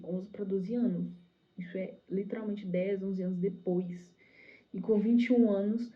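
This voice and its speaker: Woman, 20s, Brazilian accent, animated testimony vlogger, mid-pitched, slightly muffled lo-fi recording. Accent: Brazilian Portuguese. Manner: animated, breathless retelling full of "tipo assim" fillers. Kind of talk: personal testimony storytelling.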